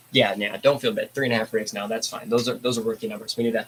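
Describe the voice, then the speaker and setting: A man's voice: lowish voice, a bit bright, slight background noise, poor audio. A man hosting a casual hobby livestream, talking in a laid-back, rambling way with plenty of fillers. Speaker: livestream host.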